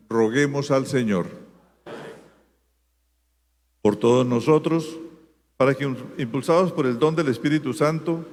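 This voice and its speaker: A man reads the intercessions of a funeral mass in a steady, measured cadence. Each petition closes on the same response. A long cathedral echo trails his mid-pitched voice. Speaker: lector reading the prayers of the faithful. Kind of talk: liturgical reading. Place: large church. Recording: long church reverb.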